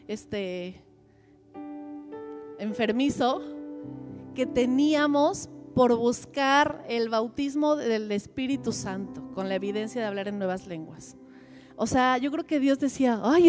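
A woman's voice: fairly high pitch, a little mellow. A middle-aged woman teaching a church seminar, asking her audience questions and repeating words for emphasis.

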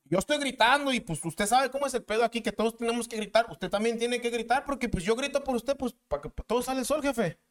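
A man, a guest telling slangy, animated stories and acting out the voices in them. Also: very high-pitched, fast talker, few pauses. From Mexico. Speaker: interview guest. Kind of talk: casual storytelling.

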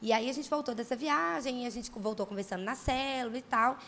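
A woman pastor chatting casually, telling a story in an animated way with many tag questions. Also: a little high, fairly quick, vocal fry, a little hiss or hum.

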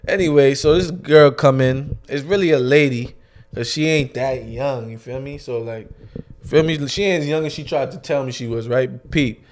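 A man's voice: medium pitch, moderate pace. A young man co-hosting a podcast, telling a casual, slang-filled story and acting out the voices of people he quotes. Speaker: podcast co-host.

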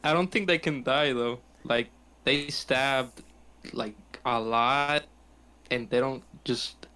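A man's voice: medium pitch, extremely slow, bright, forceful tone, clear, resonant tone. A young man chatting casually and switching between Spanish and English. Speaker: panelist. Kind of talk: casual chat.

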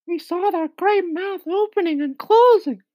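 A man voicing Miss Spider, a prim and polite female spider, in a very high, genteel voice. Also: unhurried, dark tone, no room sound.

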